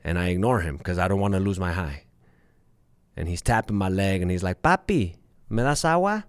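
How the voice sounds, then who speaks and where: A man's voice: low-pitched, steady tone, brisk, darkish tone, clear, resonant tone, no echo, clean studio sound. A man in his thirties hosting a show, telling a personal story to his listeners in a candid, profane way and calling them guys. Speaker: podcast host.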